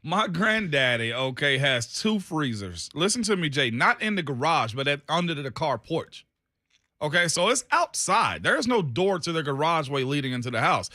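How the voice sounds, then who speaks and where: A bright-voiced man with a Southern US accent, speaking a little higher than most men. He co-hosts a casual show with very animated pitch, telling stories and bantering in folksy, colloquial, emphatic phrases. The sound is close and dry. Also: fairly quick, dry recording. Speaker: talk show co-host.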